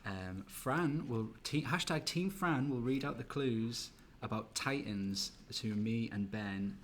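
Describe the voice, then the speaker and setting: A man's voice: mid-range voice, slow, slight background noise. A man co-hosting a game live stream, upbeat and promotional in casual chat.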